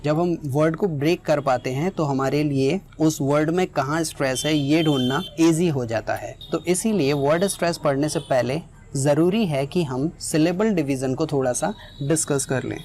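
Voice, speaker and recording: Patient English teacher explaining pronunciation. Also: female voice, low voice, normal speed, darkish tone, slight background noise. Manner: explains step by step, mixing in English phrases. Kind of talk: spoken lesson with examples.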